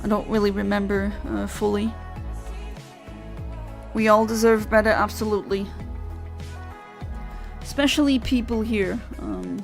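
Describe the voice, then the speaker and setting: Gravelly and mid-range, a woman's steady, unhurried voice with long pauses carries her casual live-stream as she plays a game and replies to viewers' chat in non-native English. She's self-deprecating and chatty, laughing at her mistakes amid plenty of fillers and restarts, while faint music plays in the background.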